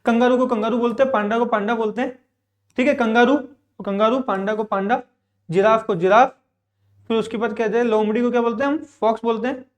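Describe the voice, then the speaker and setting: A male English teacher with a very high, steady voice moves briskly through a classroom vocabulary lesson. He explains with patience, checks in frequently, and answers his own questions in a repetitive drill.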